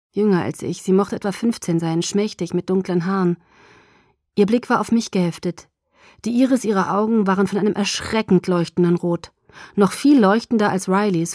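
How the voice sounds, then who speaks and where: A woman narrates a first-person audiobook in a measured, low-key way. Her voice is dark and mellow, and the recording is dry and close with no room sound. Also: no room sound.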